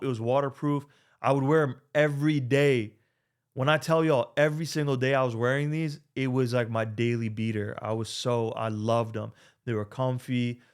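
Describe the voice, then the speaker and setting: A man's voice: mid-range voice, clean tone. A young man, rambling through a casual vlog with lots of fillers and restarts, into a desk microphone. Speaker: vlogger.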